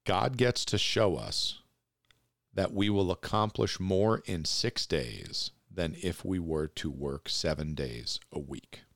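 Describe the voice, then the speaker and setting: A man's voice: low-pitched, slow, dry recording, clean studio sound. A pastor preaching a sermon, reading scripture aloud and explaining it plainly and earnestly to his congregation.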